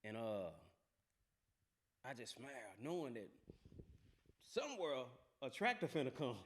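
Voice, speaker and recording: A man hosting a casual talk show, telling stories loudly and with animation, in heavy Southern slang. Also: medium pitch, big pitch swings, unhurried, slight background noise. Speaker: host.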